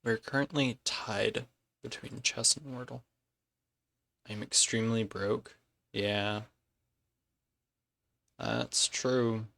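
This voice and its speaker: A man chatting casually on a game stream, slow and unhurried, with a gravelly, fry-laced voice that still sounds bright and forceful. His pitch sits on the low side, and he drifts off track and corrects himself mid-sentence. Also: fairly even intonation, dry recording. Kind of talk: casual live-stream chat.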